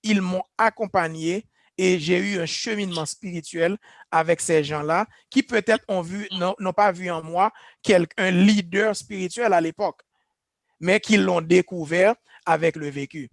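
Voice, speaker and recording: A man's voice: sits high, measured pace, no room sound, clean studio sound. A man, a church leader giving an earnest, reflective personal testimony about leadership. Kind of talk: speaking on leadership. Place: church gathering.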